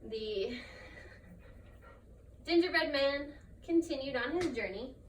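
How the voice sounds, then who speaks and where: A woman's voice: sits high, lively intonation, slow. A woman storyteller narrating a trickster folktale in her own improvised words. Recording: roomy, distant mic, faint noise.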